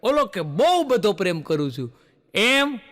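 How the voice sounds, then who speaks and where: A man's voice: high voice, very animated, a little slow, fairly bright tone. A male stand-up comedian, telling folksy jokes and acting out the lines of his characters.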